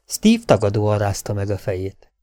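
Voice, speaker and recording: A man narrating a western adventure audiobook in a steady, even storytelling manner. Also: on the low side, no room sound. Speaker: audiobook reader. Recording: dry home audiobook recording.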